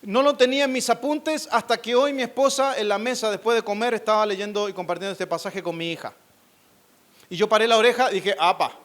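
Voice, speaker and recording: Fervent high-voiced pastor preaching. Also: male voice, fairly even intonation, a little fast, a bit bright. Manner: fervent, rising to emphatic preaching with repeated phrases. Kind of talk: sermon. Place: church service.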